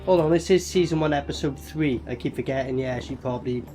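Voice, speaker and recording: A man's voice: mid-range voice, fast talker. A man with a British accent giving casual, crude, mocking commentary as he reacts to an old show. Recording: TV show audio and music behind.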